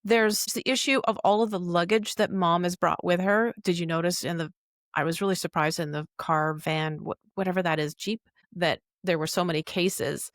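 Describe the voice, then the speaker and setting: This podcast co-host has a lowish voice with a steady tone and normal speed, recorded cleanly in a studio without echo. Her casual recap chat goes through what she researched in detail.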